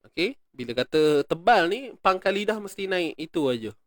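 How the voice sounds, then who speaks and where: A man with a Malaysian Malay accent teaching Quran recitation rules, explaining patiently, repeating words slowly and chanting verses. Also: high voice, expressive, a bit bright, no echo, clean studio sound. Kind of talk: tajwid lesson, explaining and reciting.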